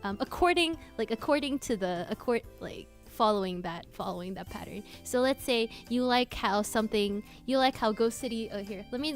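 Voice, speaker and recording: Giggly, scattered woman streamer, pitched a bit high, with soft music behind her. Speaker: cover singer and streamer. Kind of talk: casual livestream Q&A.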